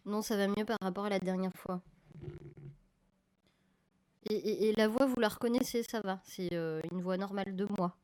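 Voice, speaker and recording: Speaking a little fast, this film photography streamer has a steady, mid-range voice that is clear, resonant, and darkish. She chats casually with viewers as she works, frequently correcting herself partway through sentences. Her desk mic picks up slightly crackling live-stream sound.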